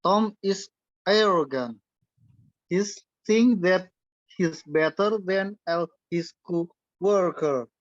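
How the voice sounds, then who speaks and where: A man, a student reading a sentence aloud slowly and carefully in an online class. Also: high-pitched, no echo, dull audio.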